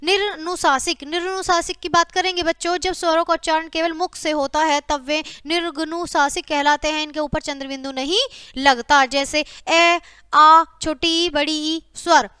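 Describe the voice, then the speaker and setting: A woman teacher walks children through a grammar lesson, checking in with "okay" after nearly every point. Her voice sits high and sounds bright and forceful. The recording is close and dry. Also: steady tone, normal speed, no echo. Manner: repeats "ठीक है" and addresses "बच्चों" constantly; lists example words one by one. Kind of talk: classroom grammar lecture.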